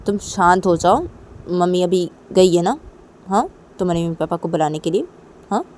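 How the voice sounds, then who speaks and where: A woman's voice: on the low side, normal speed, a little mellow, voice pushed down, close to an everyday voice. A woman voicing a protective sister-in-law who soothes and reassures firmly in a homemade story reading. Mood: soothing. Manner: soothing but firm, repeats reassurances. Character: protective young sister-in-law, calm and firm.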